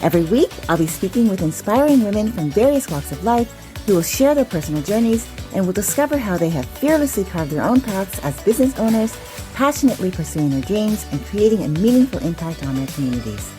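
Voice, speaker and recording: Opening with a scripted intro, a podcast host and self-care coach then gushes enthusiastically in conversation with her guest. She speaks fairly quickly in a medium-pitched voice that is very animated but dark in tone, with faint music behind her.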